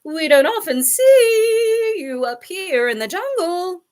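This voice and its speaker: A woman's voice: very high-pitched, sing-song, slow pace, pitched above the performer's own voice, full character voice. A woman voicing a sweet roly-poly bird in a children's storybook, with a lilting singsong delivery. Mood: sweet, chirpy. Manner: lilting singsong, bright greeting. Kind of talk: children's storybook character reading.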